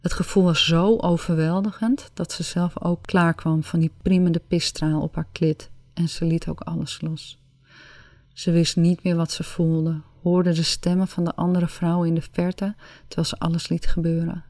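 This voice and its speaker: Low, mellow woman reading erotica. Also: little pitch movement, moderate pace, no room sound. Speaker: narrator.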